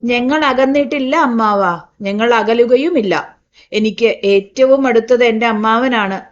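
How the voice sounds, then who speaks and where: A devoted young woman, read by a woman from a storybook, pleading earnestly in a raised, slow voice. The recording is slightly dull and lo-fi. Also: a little high, lightly acted. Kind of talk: audiobook reading.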